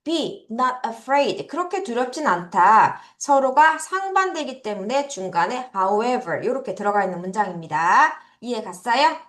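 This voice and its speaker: A woman's voice: on the high side, big pitch swings, unhurried, few pauses, fairly bright tone, reverberant. A woman with a Korean accent teaching English vocabulary in an online lesson, asking students questions and having them repeat words after her. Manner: drills pronunciation, asks students to repeat.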